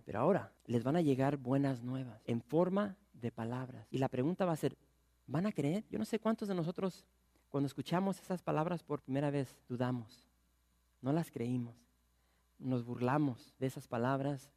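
A man's voice: medium pitch, darkish tone, dry recording, studio quality. A man preaching a sermon, emphatic and full of rhetorical questions. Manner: emphatic, rhetorical questions, addresses listeners as brothers.

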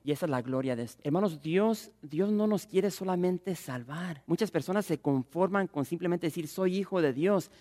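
A male pastor preaching a sermon in Spanish, emphatic, swinging between loud exclamations and hushed, slower asides. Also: on the high side, long reverb tail.

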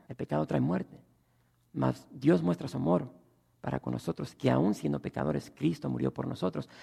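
A man preaching a sermon as pastor, with frequent restarts and passages that swell to loud emphasis. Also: on the high side, gravelly, slightly rough, long reverb tail.

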